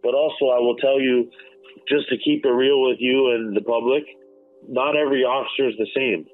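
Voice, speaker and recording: A former inmate recounting events in a phone interview, talking emphatically and candidly, repeating himself and swearing now and then. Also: male voice, mid-range voice. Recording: tinny phone line with faint music.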